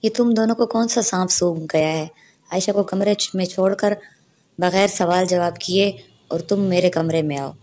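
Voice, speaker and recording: A woman's voice: fairly low pitch, moderate pace, a little mellow, lightly acted. A woman voicing a stern, protective young man, the elder brother, in a storybook reading, speaking curtly and giving orders.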